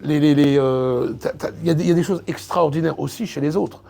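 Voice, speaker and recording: This man speaks on the high side and a little fast, with a creaky, dark tone. He's an interview guest who makes literature videos, and he talks casually, voicing strong opinions in colloquial language and repeating himself for emphasis.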